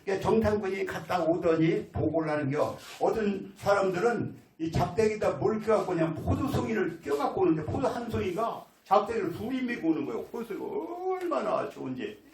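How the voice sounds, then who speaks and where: A man's voice: high-pitched, very animated, a little fast, few pauses, darkish tone. A man preaching a storytelling sermon, in a folksy way, acting out the voices of people in his story. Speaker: pastor. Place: church sanctuary. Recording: echoey church hall, mic at a distance.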